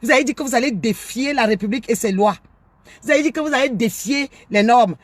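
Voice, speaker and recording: A woman's voice: on the high side, quick pace, no room sound. A woman from Cameroon, giving an angry, lecturing monologue as a life coach and hammering her points home again and again. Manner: scolding, lecturing, combative, repeats her points.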